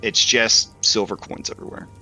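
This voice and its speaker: A man's voice: normal speed, bright, forceful tone, faint music behind, low-quality recording. A man narrating a tabletop game as game master in a casual, informal and joking manner.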